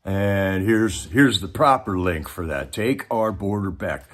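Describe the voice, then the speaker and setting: A man hosts a livestream, talking directly to his viewers with casual, rambling, folksy commentary. His voice is low-pitched and slow.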